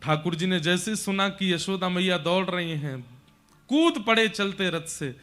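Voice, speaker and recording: A man's voice: high-pitched, animated, measured pace, a bit bright. A man narrating a devotional scripture story with emotive, dramatic delivery.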